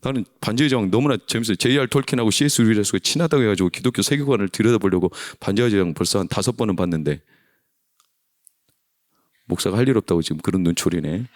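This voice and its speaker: A male senior pastor giving a lively, conversational sermon to young adults, often teasing the congregation. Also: on the low side, quick pace, no echo, clean studio sound. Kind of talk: sermon to a youth service.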